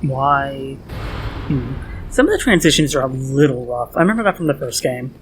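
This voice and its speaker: A man's voice: medium pitch, lively intonation, moderate pace, a little hiss or hum. Young male gamer at home, casual sarcastic let's play commentary, cusses a lot. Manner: joking, sarcastic, swears freely. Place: at home in a hot room.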